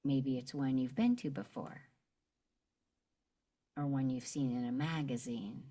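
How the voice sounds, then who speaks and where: Gently and very slowly, a woman guides a meditation in a low, mellow voice with fairly even intonation. She speaks short phrases with long pauses between them, leading the listener through a visualization.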